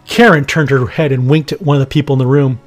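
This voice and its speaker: A man's voice: mid-range voice, fairly even intonation, fast talker, faint music behind. A man hosting a podcast, reading an account aloud with wry, joking asides. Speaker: podcast host.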